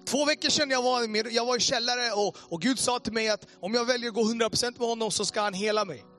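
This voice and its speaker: A middle-aged man telling his testimony as a sermon, acting out past conversations with swings between loud bursts and quiet asides. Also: extremely high pitch, faint music behind. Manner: storytelling, reenacts conversations with a quoting "jag bara"; passionate, rises and drops sharply in loudness. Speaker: preacher giving his testimony.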